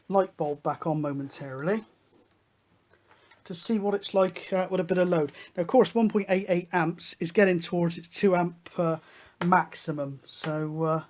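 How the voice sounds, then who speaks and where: A man's voice: sits high, fairly even intonation, unhurried, long pauses. A British man hosting a hobby electronics video, talking through a hands-on demonstration in a chatty, matter-of-fact way.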